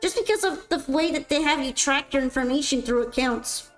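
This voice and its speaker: A woman's voice: high-pitched, a little fast, faint music behind, low-quality recording. A woman streamer chatting casually with her viewers while playing, self-mocking and answering questions. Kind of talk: casual chat while gaming.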